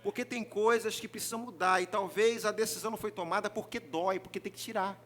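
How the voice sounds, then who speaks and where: A man preaching a sermon as pastor in a church, with a Rio de Janeiro Brazilian Portuguese accent, talking in an animated, joking way and often asking the congregation questions. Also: high voice, fast. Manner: animated, jokey, mimics congregants, often asks the crowd. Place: church hall.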